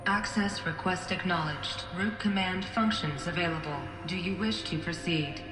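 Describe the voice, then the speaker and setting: A glitching robotic security computer, speaking in flat, clipped announcements that sit a little low. Her voice rings with echo, and game music plays behind it. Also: normal speed. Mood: mechanical. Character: malfunctioning female computer security system. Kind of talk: video game voice acting.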